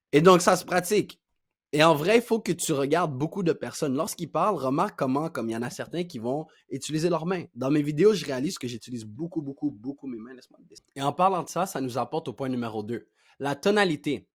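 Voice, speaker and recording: A young man with a Québécois French accent, coaching viewers on how to speak well. He talks in an animated, slangy way and acts out his own examples. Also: on the high side, breathy edge, no echo, clean studio sound. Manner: animated, slangy, demonstrates voices and pauses. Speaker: self-improvement coach. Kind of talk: talking-head tutorial.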